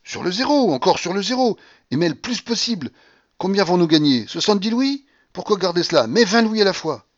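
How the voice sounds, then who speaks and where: A man reading a novel aloud, voicing an imperious, feverish old grandmother at the roulette table in a shrill, commanding voice. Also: lively intonation, moderate pace, highs cut off.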